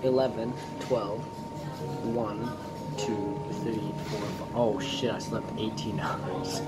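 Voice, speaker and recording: Male vlogger, tipsy, rambling casual chat, loud music behind. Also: fairly low pitch, fairly even intonation, takes it slowly, poor audio. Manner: rambling, laughing, loses count. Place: fast food restaurant.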